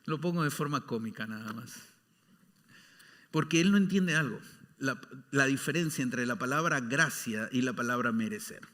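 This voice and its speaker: A male pastor preaching a sermon, emphatic, dropping at times into soft whispers. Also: medium pitch, normal speed, in a large hall. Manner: emphatic, shifting between loud exclamations and soft whispers. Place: church sanctuary.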